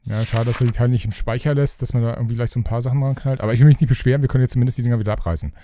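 A man's voice: mid-range voice, fairly even intonation, very fast, warm tone. A man hosting a let's play, chatting casually and grumbling to himself as he builds. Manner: rambling, grumbles to himself, mutters asides. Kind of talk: casual gaming commentary.

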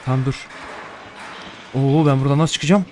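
A man's voice: mid-range voice, normal speed, darkish tone, slight background noise. Jittery, swearing young man gaming. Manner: jittery, profane, joking to himself. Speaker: gaming streamer. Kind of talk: casual horror gameplay commentary.

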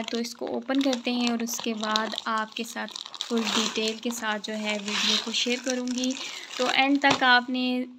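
A woman's voice: on the high side, background noise. A woman talking through an unboxing of a dress set, chatty and enthusiastic as she shows each piece. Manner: chatty, enthusiastic sales talk. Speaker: fashion vlogger. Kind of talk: product unboxing voice-over.

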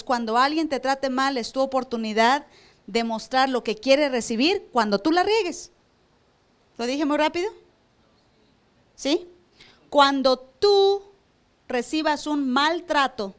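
A woman pastor preaching a sermon to a church, asking the room rhetorical questions and acting out church members. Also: high voice. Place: church service.

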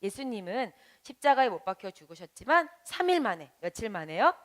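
A woman as a Sunday school teacher, gently explaining a Bible story to children and asking them questions. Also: on the high side, very animated, fairly quick. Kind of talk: children's Bible lesson narration.

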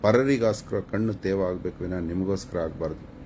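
A man's voice: low-pitched, fairly quick, background noise. A man hosting a live stream, lecturing his viewers in a preachy, scolding and mocking way. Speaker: channel host giving advice on a live stream.

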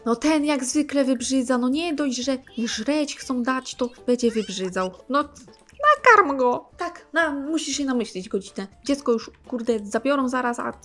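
Young woman, fairly high voice, casual gameplay commentary, bossy and exasperated with sarcastic asides. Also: normal speed, few pauses. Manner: exasperated, bossy, scolding her game characters. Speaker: gaming channel host.

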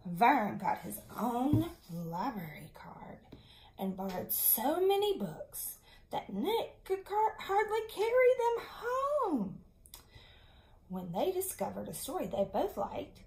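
A schoolteacher with a fairly high, very lively voice reads a picture book aloud to young children in a small, classroom-style room. She is expressive and teacherly, checking in with her little listeners. The room sounds clearly echoey.

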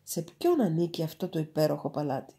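A woman's voice: sits low, big pitch swings, creaky, dark tone, husky, exaggerated voice. A woman voicing a gracious older king in a storybook, speaking in a stately way.

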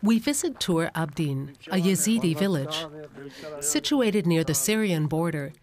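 A documentary narrator reading a calm, even, scripted narration. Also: mid-range voice, measured pace. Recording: narration over music and crowd noise.

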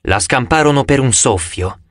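A man's voice: mid-range voice, animated, moderate pace, a bit bright, no echo, studio quality, voice pushed down, lightly acted. A man voicing a proud young immortal huntress who speaks in grave, old-fashioned phrases, in an audiobook. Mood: solemn.

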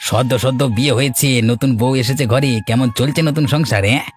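A man's voice: medium pitch, fairly even intonation, fast talker, soft background music, close to an everyday voice. A man voicing a meddling village troublemaker in a cartoon, needling and teasing. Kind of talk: cartoon voice acting.

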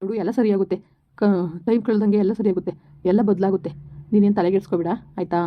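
A woman plays a young husband who coaxes and reassures his wife. The talk is very fast and level, with little rise and fall. The recording sounds slightly dull. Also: mid-range voice, steady tone, slight background noise, close to an everyday voice. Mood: reassuring. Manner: reassuring, coaxing.

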